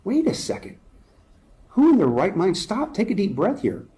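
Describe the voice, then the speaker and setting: A man's voice: high voice, huge pitch swings, moderate pace, dark tone. A man speaking as a guest in an interview, urgent and emphatic, building his points with rhetorical questions. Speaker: guest speaker on end-times prophecy.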